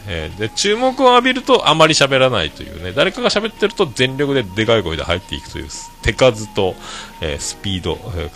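Hoarse guy hosting his show, low voice, lots of "eh" and little laughs. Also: fairly bright tone. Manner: rambling, many fillers, laughs at own jokes. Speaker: podcast host. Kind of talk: casual solo chat to listeners.

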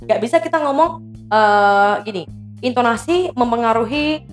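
A woman's voice: fairly high pitch, moderate pace, faint music behind. Woman explaining public speaking techniques. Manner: explanatory, animated demonstrations. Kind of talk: casual podcast chat, explaining techniques. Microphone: podcast mic.

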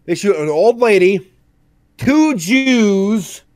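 Excitable man with a lively, bouncing voice. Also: sits high, slow pace. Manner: excitable, swears a lot, loud outbursts. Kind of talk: casual movie recap chat.

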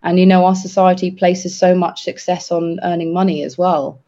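A man co-hosting a podcast, talking earnestly and haltingly with many restarts. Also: sits high, flat delivery, dark tone. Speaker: podcast co-host. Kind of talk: casual podcast chat. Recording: dull lo-fi sound.

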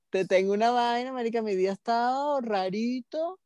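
A man's voice: very high-pitched, moderate pace, darkish tone, smooth, no room sound. Playful man, dry close sound. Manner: camp, playful, gossipy storytelling. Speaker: podcast co-host. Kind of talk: casual chat.

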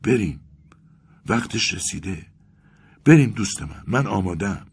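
A man's voice: deep voice, very animated, darkish tone, husky, pitched above the performer's own voice, heavily acted. A man voicing a frail, anxious young clerk who is breaking down, speaking in a pleading, tremulous way. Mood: agitated.

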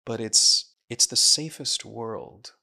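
A man's voice: medium pitch, takes it slowly, vocal fry, sharp tone. A man, a guest speaking in an earnest, introspective way, with small restarts. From Saudi Arabia. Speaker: guest, mind researcher and coach. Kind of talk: reflective interview talk.

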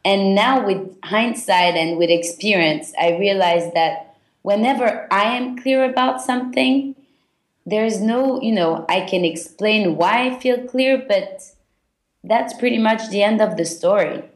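A Belgian woman appears as a guest on a podcast interview, speaking in a reflective, halting way full of fillers. Her voice sits in the mid-range, and the recording sounds roomy.

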